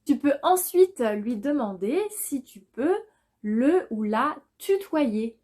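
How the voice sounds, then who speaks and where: A young woman teaching a French lesson, speaking slowly and carefully and repeating example phrases for learners. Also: sits high, animated, mellow. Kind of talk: slow, clear language lesson.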